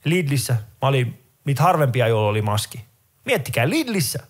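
A middle-aged man with a Finnish accent performing a stand-up comedy set, telling stories in an animated way and jumping into high voices for characters.

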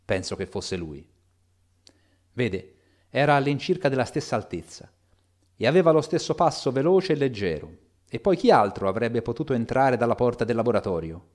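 A man's voice: mid-range voice, expressive, normal speed, a little mellow, close to an everyday voice. A man voicing an elderly, frightened and loyal male butler in a spoken audiobook, with an urgent, pleading delivery. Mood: earnest.

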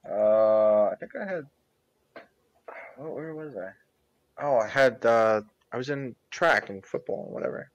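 A man's voice: medium pitch, animated, unhurried, long pauses, no echo, muffled recording. A young man co-hosting a podcast, talking casually in short slangy remarks with friends. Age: young adult. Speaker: podcast co-host. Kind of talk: casual chat among friends.

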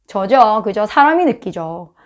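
A woman's voice: mid-range voice, sing-song, unhurried. A woman with a Busan accent explaining English grammar in a casual, chatty lesson, acting out examples with sound effects. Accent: Busan Korean. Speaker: English teacher.

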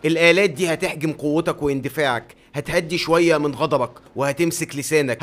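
A man's voice: fairly high pitch, a bit bright, lightly acted. A man voicing a gloating villain from the future. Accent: Egyptian Arabic. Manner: smug, mocking and condescending. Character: arrogant male time-travelling tycoon villain, gloating.

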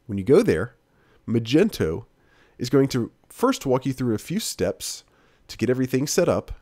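A man narrating a software tutorial screencast as instructor, in a steady, plain-spoken, explanatory way. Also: medium pitch, moderate pace, no echo, clean studio sound.

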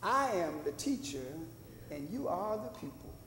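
Older pastor preaching in an echoey church. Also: male voice, high-pitched, big pitch swings, a little slow, fairly bright tone, a little hiss or hum. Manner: rising to fervent emphasis, drawing answers from the congregation. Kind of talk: sermon with call and response. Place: small church sanctuary.

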